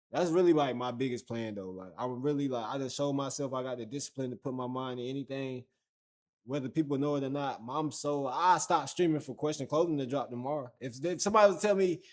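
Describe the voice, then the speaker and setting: A man's voice: mid-range voice, a little mellow. Slangy, profane young male streamer. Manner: loose, slangy and profane, with lots of fillers. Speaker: livestream host. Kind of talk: casual livestream chat.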